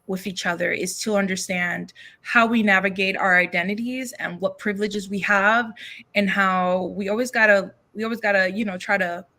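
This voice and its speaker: Woman poet from New York as guest; bright tone, mid pitch, earnest and searching with restarts. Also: steady tone, moderate pace. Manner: earnest, thinks aloud with restarts and tag questions. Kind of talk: livestream book conversation.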